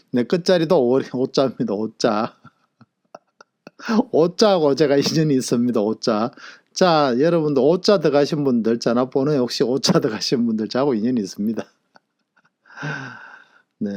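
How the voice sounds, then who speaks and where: A man's voice: medium pitch, a little mellow. A man with a Gyeongsang Korean accent hosting a casual live stream, chatty and jokey, laughing often and greeting viewers by name. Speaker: live-stream host and shop owner.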